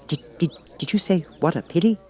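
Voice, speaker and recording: A man voicing a timid, anxious talking rabbit from a storybook, stammering and hurried in manner. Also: a little high, voice pushed up, lightly acted.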